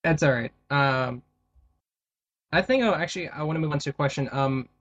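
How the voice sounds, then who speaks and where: A man with a slightly high voice talks casually as a podcast co-host. He speaks haltingly and keeps restarting his sentences. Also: a bit bright, dry recording, lo-fi sound. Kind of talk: casual chat.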